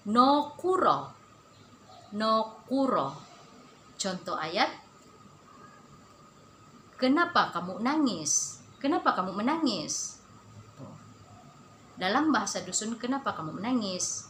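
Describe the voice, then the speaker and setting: Slow, echoey woman teacher. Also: mid-range voice, lively intonation, a bit bright, slight background noise. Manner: repeats each word slowly, with a rising stress on the local terms. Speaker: language teacher. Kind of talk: slow spoken lesson. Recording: echoey room.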